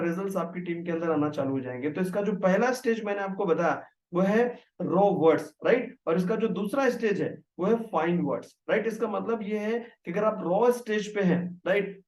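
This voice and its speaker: A man's voice: high-pitched, a little mellow. A man giving a motivational training talk on sales calling, often checking in with "right" and explaining through examples. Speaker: network marketing trainer. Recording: echoey room, mic at a distance.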